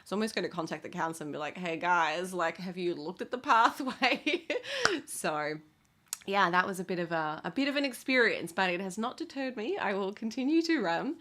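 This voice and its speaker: A woman's voice: mid-range voice, sing-song, a little fast, fairly bright tone. A woman in her thirties, a fitness coach who moved to the States, chatting casually to camera with lots of fillers and frequent laughs. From outside the United States. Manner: chatty, laughs often, many fillers like "like" and "you know". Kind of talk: casual talking-to-camera check-in.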